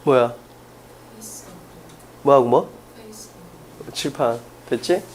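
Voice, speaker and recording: A man teaching an exam-prep English class, firing quick questions at students and stressing key points. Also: mid-range voice, a little hiss or hum. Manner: drills students with rapid questions, emphatic.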